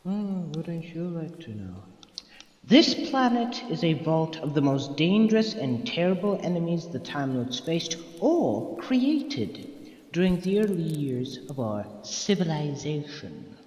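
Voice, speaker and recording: A sly, theatrical Time Lord villain acted by a man, echoing through a reverberant space. His pitch swings wildly as he teases and draws out his words, in a scheming audio drama manner. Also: big pitch swings, a little mellow. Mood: sly, ominous. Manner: theatrical, teasing, drawn-out phrasing. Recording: echoey room, long reverb, dull lo-fi sound.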